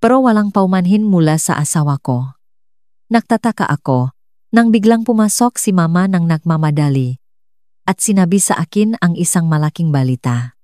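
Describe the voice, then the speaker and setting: A woman narrating a first-person drama story in a steady storytelling manner. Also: fairly low pitch, normal speed, no echo, clean studio sound.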